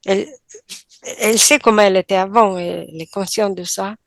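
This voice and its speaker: A woman's voice: mid-range voice, steady tone, a little fast, dry recording. A woman under hypnosis describing what she sees, hesitant and repeating her words. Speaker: hypnosis subject. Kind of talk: trance session dialogue.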